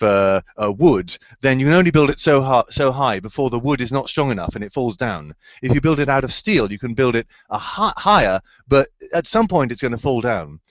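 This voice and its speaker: A man's voice: medium pitch, dry recording. A man on a video call, a researcher answering students' questions enthusiastically, often searching for words with fillers and restarts. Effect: heard over a video call. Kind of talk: explanatory answers in a remote Q&A. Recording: slightly dull, dry video-call audio.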